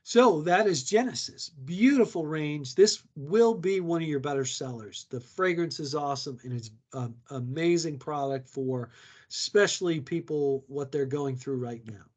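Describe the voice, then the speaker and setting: A man's voice: fairly high pitch, normal speed. A man giving a conversational product training talk, explaining hair care products with frequent fillers. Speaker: product educator.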